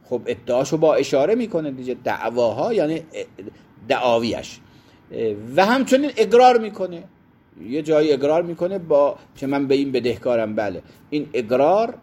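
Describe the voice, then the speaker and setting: Male seminary teacher, husky, lively delivery, quotes Arabic texts and explains them. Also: mid-range voice. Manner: explanatory, pauses to define terms. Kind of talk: classroom lecture on Islamic jurisprudence.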